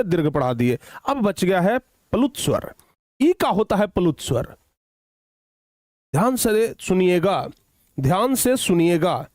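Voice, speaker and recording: A man teaching children a grammar lesson, repeating phrases slowly for dictation and often checking whether they have understood. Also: sits high, no room sound, studio quality. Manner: slow, repetitive dictation, drawing out words; addresses students affectionately, checks understanding often.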